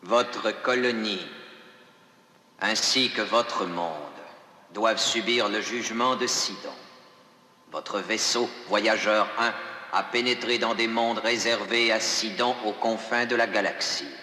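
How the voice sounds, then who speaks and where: Cold alien judge, cavernous reverb, slow solemn delivery, hard bright edge, formal, sci-fi television dub. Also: male voice, on the low side, steady tone. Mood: solemn, demanding. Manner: solemn, formal, pronouncing sentence. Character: cold implacable alien chief justice passing judgement. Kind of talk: dubbed science fiction television drama. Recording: cavernous echo with long reverb.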